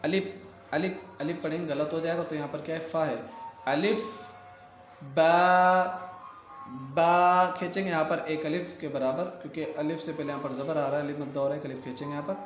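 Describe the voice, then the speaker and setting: A man's voice: fairly high pitch, level tone, few pauses, reverberant, soft background music. A man teaching Quran reading in a recorded lesson, patiently repeating letter names and checking in with learners. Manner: stretches letter sounds long when reciting.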